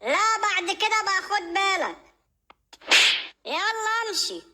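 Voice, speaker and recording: A bossy cartoon school bully. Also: female voice, extremely high pitch, sing-song, unhurried, background noise, full character voice. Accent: Egyptian Arabic. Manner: bossy, threatening street talk. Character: swaggering schoolyard bully boy, demanding and menacing. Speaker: cartoon voice actor. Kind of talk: Egyptian cartoon dubbing.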